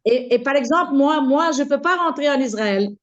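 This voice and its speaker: A woman's voice: high voice, expressive, moderate pace. A woman chatting casually in a group, talkative and repeating her phrases. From Mauritius. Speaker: participant. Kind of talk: casual chat. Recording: dull lo-fi recording.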